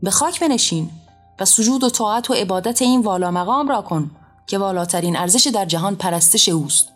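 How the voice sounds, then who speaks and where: Woman reader plays a wrathful enthroned male deity; loud, commanding, shouted lines. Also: on the low side, faint music behind, natural voice. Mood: furious.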